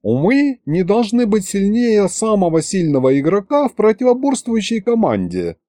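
A man's voice: sits high, sing-song, dark tone, dry recording, clean studio sound, voice pushed up. A man voicing a polite, reasoning horned male archivist at a royal court in an audiobook. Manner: courteous, measured.

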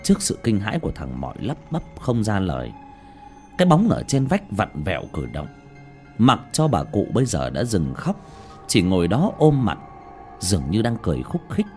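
A man tells a horror story with dramatic delivery and a very lively voice that swings widely in pitch. His voice stays in a middle range, with faint music underneath. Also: moderate pace. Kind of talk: scripted horror narration.

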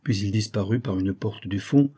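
Man reading old novel aloud, mellow and a bit husky, steady. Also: on the low side, moderate pace. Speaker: audiobook narrator.

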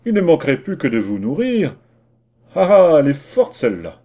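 A man's voice: mid-range voice, very animated, unhurried, dull audio. A man voicing a stern, pompous village mayor in a storybook reading, giving curt, indignant orders.

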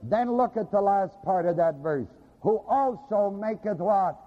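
A man's voice: high voice, animated, unhurried, slight background noise. A man preaching a sermon to a congregation, stopping often to ask them to finish his sentences. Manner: asks the congregation fill-in questions; repeats "you bet your life". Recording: lo-fi with long hall reverb.

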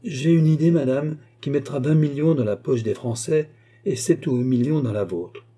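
A man reading as a smooth scheming minister. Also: medium pitch, moderate pace, mellow, natural voice. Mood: assured. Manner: courtly, smiling and assured. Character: smooth scheming male royal finance minister.

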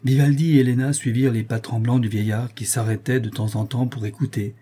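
A male audiobook narrator reading a classic novel in a measured, steady way. His voice is husky and mellow, with a dark, soft tone. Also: medium pitch. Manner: measured storytelling. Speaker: audiobook reader. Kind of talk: scripted narration.

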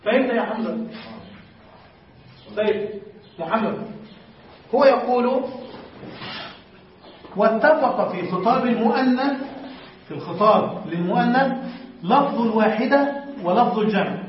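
A man's voice: very high voice, animated, unhurried, pauses often. A man teaching a live classroom lesson on Arabic word forms, quizzing students and repeating and correcting their answers. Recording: echoey room, distant mic, dull lo-fi, faint noise.

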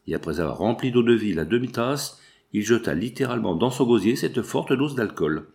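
A man narrating a classic novel as an audiobook, measured and expressive. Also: mid-range voice, gravelly. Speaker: audiobook reader.

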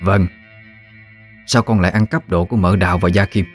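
Commanding elderly matriarch, read by a man in his own low voice, measured and unhurried. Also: faint music behind, close to an everyday voice. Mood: stern commanding. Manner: slow, calm, authoritative. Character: stern elderly grandmother, family matriarch.

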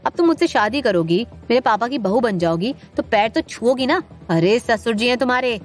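A woman voicing a mischievous young man who talks in a bright, playful, teasing way. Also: a little high, lively intonation, moderate pace, faint music behind, close to an everyday voice.

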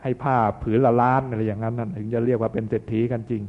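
A man's voice: mid-range voice, flat delivery, racing. A man, a Buddhist monk, giving a sermon that retells an old tale in a chatty, folksy way full of asides. The recording sounds tinny. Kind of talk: sermon with storytelling.

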